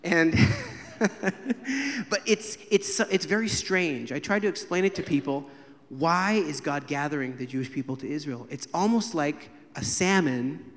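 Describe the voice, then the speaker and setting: Male preacher in a sanctuary, slightly high voice, lively storytelling sermon, long church reverb. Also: measured pace. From United States. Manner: animated, acts out quoted voices and jokes with the congregation. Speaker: guest preacher. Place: church sanctuary during a live service.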